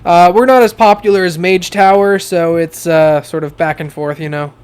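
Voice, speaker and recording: A man's voice: high-pitched, fairly even intonation, normal speed, darkish tone, clear, resonant tone, lightly acted. Man putting on a cheery young jock with a shaky Australian accent sliding into Scottish; laid-back and chatty. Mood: casual. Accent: attempted Australian drifting to Scottish. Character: friendly young male student athlete, upbeat.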